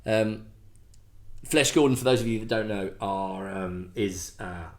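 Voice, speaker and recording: A middle-aged Englishman hosts a casual request show, his lowish voice unhurried. He rambles and pokes fun at himself, full of fillers and restarts.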